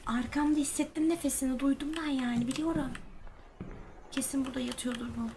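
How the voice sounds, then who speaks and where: Young woman streamer, high voice, skittish and foul-mouthed, noisy recording. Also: steady tone, brisk. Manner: jumpy, swears and shouts when scared. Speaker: gaming streamer. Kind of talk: casual let's-play chat. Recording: noisy gaming stream audio.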